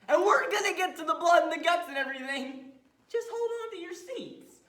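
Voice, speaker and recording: A young man performing a manic, taunting male serial killer on death row as a dramatic interpretation piece, with shouts and cackles. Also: mid-range voice, lively intonation, moderate pace, recorded from a distance, natural voice. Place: competition room. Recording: roomy hall recorded from afar.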